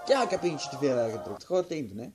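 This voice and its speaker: Speaking quickly with big swings in pitch, this medium-voiced young gaming host is nonetheless drowsy and tired. He rambles, mutters to himself, and swears a bit over game music in a small room at home.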